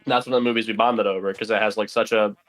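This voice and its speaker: A man's voice: on the low side, fairly even intonation, quick pace, fairly bright tone. A young man, a podcast guest, chatting casually and rambling with lots of fillers while playing a game. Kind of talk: casual chat while gaming.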